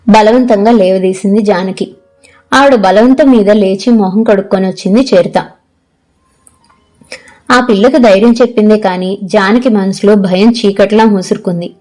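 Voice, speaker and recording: Woman narrator, measured and steady, reading an audio novel. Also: mid-range voice. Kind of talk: scripted narration.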